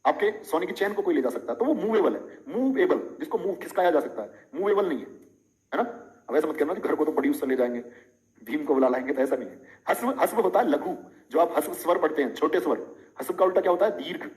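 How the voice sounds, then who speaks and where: A man's voice: fairly high pitch, animated, fast talker, darkish tone, rough recording. A middle-aged man teaching a live online Hindi lesson, chatty, explaining with playful examples and questions to his students.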